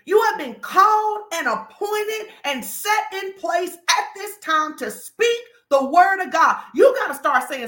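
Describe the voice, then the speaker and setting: A woman's voice: high-pitched, bright, forceful tone. A woman preaching a fervent sermon, declaring and commanding her congregation in a call-and-response cadence. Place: church hall. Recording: echoey room.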